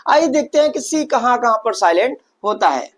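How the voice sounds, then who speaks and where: A man's voice: extremely high pitch, expressive, brisk, fairly bright tone. A man teaching an online lesson, who repeats each point and asks and answers his own questions. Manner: repetitive, addresses listeners as brother. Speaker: English teacher.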